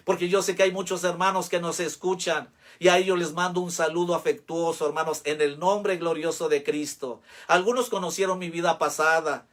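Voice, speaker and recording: A man delivers a devotional sermon that flows into spoken prayer, his voice pitched notably high for a man. He speaks fervently, weaving repeated calls of "brothers" and "Lord" through nearly every phrase. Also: a bit bright. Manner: fervent, constantly repeats "hermanos" and "Señor". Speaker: preacher.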